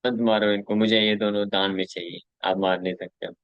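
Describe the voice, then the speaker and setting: A gentle, saintly man pleads earnestly for mercy, as a teacher voices him in his own low voice. The sound is close and dry. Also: little pitch movement, a little fast, clear, resonant tone, no room sound, dull audio, lightly acted. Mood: pleading.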